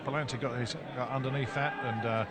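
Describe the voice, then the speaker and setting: A match commentator calls a football game live, talking fast in a medium-pitched voice. He's excitable and keeps correcting himself as the play unfolds. Loud stadium crowd noise fills the background.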